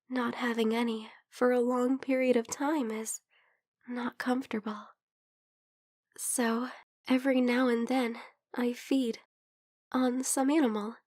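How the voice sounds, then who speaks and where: A woman voices a caring young vampire girl, a sick and tender best friend, in an intimate, soft-spoken ASMR roleplay. Her high, gentle voice is very slow and hesitant, sounding a little unwell and often sinking toward a whisper in a close, dry recording.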